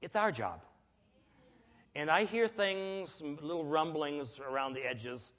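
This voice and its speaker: A man preaching a sermon in a church, earnest and emphatic, telling a personal story with pauses. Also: a little high, expressive, a bit bright. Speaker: lay preacher. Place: church sanctuary. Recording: echoey church hall, dull lo-fi.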